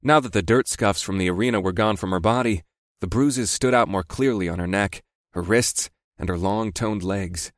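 Low-voiced wry male narrator. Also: normal speed, no room sound, studio quality. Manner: wry, sardonic. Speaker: audiobook narrator. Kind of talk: first-person story narration.

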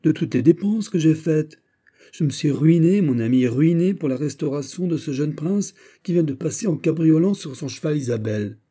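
A man voicing a proud, witty Gascon musketeer, animated and wry, in an audiobook reading. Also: a little high, normal speed, pitched above the performer's own voice. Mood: wry, bitter.

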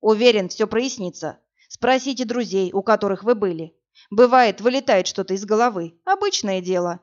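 A woman's voice: mid-range voice, lively intonation, darkish tone, lightly acted. A woman reading a bored police captain. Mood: weary, dismissive. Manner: bored, dismissive, unhurried. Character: weary middle-aged male police captain. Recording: dull lo-fi audiobook recording.

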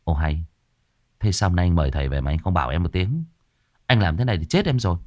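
A man's voice: low voice, sing-song, normal speed. A man doing a blunt, grumbling young man.

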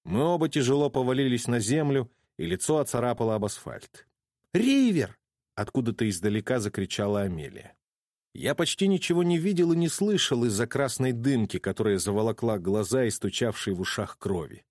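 A man giving dramatic first-person audiobook narration with an expressive, tense delivery. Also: medium pitch, brisk, no room sound, studio quality.

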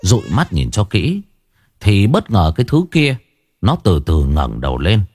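A man's voice: deep voice, huge pitch swings, unhurried, darkish tone, slightly rough. A man narrating a ghost story in the first person, dramatic and vivid.

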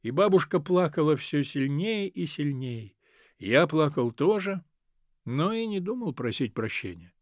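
A man reading a first-person literary novel aloud with expressive delivery. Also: a little high, unhurried, no echo, studio quality. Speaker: audiobook narrator.

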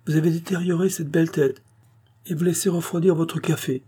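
Male narrator as sweet young woman, soft, husky dark. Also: fairly high pitch, fairly even intonation, brisk, voice pushed up. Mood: gentle. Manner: soft, gentle. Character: gentle, kind young woman.

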